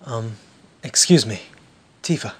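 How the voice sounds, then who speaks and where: A man voicing a shy, awkward teenage boy who speaks hesitantly, with pauses, in a fan audio drama. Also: medium pitch, animated, slightly rough, full character voice. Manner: hesitant, halting.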